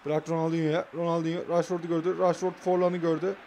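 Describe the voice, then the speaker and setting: Young guy gaming, yells out passes, mouths off at the other player, slightly high voice, faint hiss behind. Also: fast. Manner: excitable, trash-talking his opponent, calls out passes. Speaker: gamer commentating his own match. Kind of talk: casual gameplay commentary.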